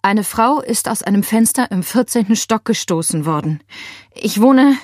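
A woman's voice: mid-range voice, animated, moderate pace, a little mellow, no echo, clean studio sound, lightly acted. A woman voicing a frightened young woman who stammers and gasps through the shock of seeing a murder. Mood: frantic. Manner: breathless, stammering under shock.

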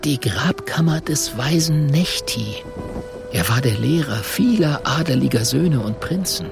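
A man's voice: animated, measured pace, vocal fry, over music. A man voicing a skittish, forgetful old-time scribe who talks in a raised, nervous voice. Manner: nervous, higher voice.

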